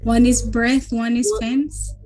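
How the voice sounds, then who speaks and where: A woman student answering questions in an online class, slowly and tentatively. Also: fairly high pitch, little pitch movement, warm tone, faint music behind.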